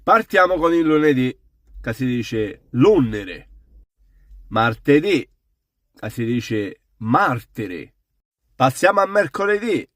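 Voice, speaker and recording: A man's voice: medium pitch, dry recording, clean studio sound. A man gives an explanatory lesson in dialect, addressing the listener in a didactic way and spelling things out. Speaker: language teacher. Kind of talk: explanatory dialect lesson, saying words in Sicilian dialect.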